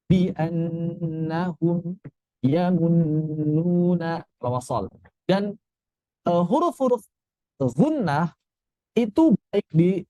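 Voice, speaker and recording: A man teaching tajwid, explaining quickly and then reciting example words slowly and carefully. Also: fairly high pitch, mellow, no echo, highs cut off. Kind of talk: Quran recitation lesson.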